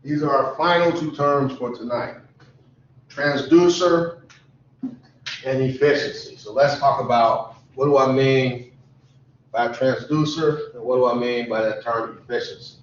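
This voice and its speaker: A tired, sleepy man teaching a lecture class, repeating definitions slowly so students can write them down. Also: medium pitch, fairly even intonation, a little hiss or hum. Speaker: college instructor. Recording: echoey classroom, dull lo-fi sound.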